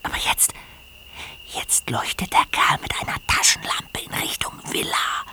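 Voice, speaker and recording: An actor playing a jittery, eager young amateur detective in hushed, breathy whispers, in an audio drama. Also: male voice, a little slow. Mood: tense, excited.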